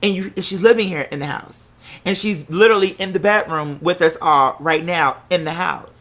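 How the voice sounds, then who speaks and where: An American speaker with a bright, forceful, mid-pitched voice tells a story casually and at a moderate pace. She's candid and animated, peppering the tale with swearing as if sharing personal drama with listeners, and she acts out the quoted remarks as she goes.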